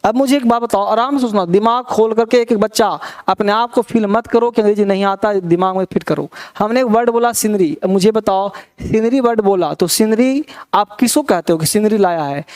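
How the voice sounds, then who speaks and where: A man's voice: high-pitched, darkish tone, smooth. Man teaching grammar in a coaxing way. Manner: coaxing, asks many quick questions; mixes Hindi with English terms. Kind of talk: classroom lecture.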